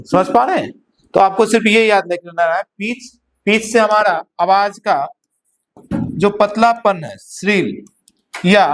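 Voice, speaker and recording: A man teaching a physics class in a Hindi-English mix with an Indian accent, dictating notes slowly and often asking students whether they follow. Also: sits high, a bit bright. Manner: slow dictation of notes, checks understanding with repeated questions. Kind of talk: classroom lecture.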